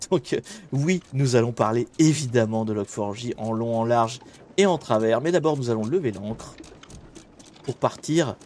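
Relaxed rambling male streamer. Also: medium pitch, measured pace, a little hiss or hum. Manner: relaxed, rambling, many fillers and restarts. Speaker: streamer and host. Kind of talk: casual live-stream chat while gaming.

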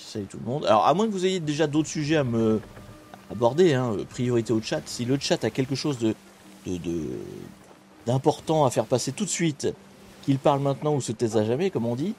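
Relaxed rambling male streamer. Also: medium pitch, brisk, faint music behind. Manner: relaxed, rambling, many fillers and restarts. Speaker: streamer and host. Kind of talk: casual live-stream chat while gaming.

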